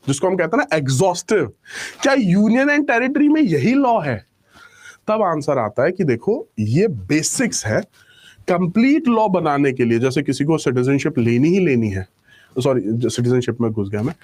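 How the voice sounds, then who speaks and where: A man's voice: a little high, darkish tone. A young male teacher giving a live exam-prep class, explaining with rhetorical questions and English phrases mixed in.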